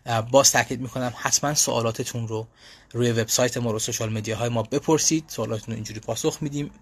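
A man's voice: medium pitch, fairly even intonation. A man hosting a casual live question-and-answer stream for language learners, talking loosely with frequent fillers and restarts. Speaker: language school host answering viewer questions. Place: lives in Europe.

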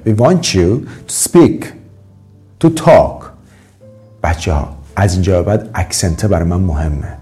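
Man, English teacher, warm husky voice, emphatic lecture, faint music behind. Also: fairly low pitch. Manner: emphatic, mixes English phrases into Persian. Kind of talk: online course lecture.

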